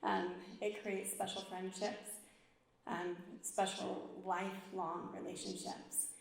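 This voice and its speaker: Woman, medium pitch, informal and hesitant honoree speaker, echoey room with faint noise. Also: little pitch movement, takes it slowly, vocal fry. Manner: self-deprecating, hesitant. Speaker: award honoree, former team member. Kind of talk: informal acceptance speech.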